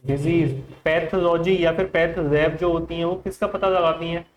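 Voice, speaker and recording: High-voiced Indian male teacher. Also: fairly even intonation, normal speed, highs cut off. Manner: questioning, repeats "what is it, beta?" to students. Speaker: English vocabulary teacher. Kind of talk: classroom lesson.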